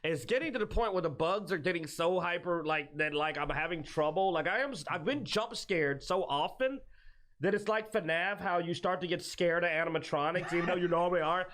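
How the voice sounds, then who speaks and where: A man co-hosting a podcast, chatting casually about a video game and telling stories in an excitable, animated way. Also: high-pitched, a little fast. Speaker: podcast co-host.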